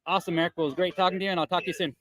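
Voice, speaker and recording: A man working a phone sales call, talking quickly through a deal with lots of fillers and reassurances, then chatting it over with colleagues. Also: high-pitched, steady tone, a bit bright, dry recording, rough recording. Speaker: real estate investor on sales calls. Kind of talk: live-streamed phone sales call and debrief. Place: loud area. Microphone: earbud headset mic.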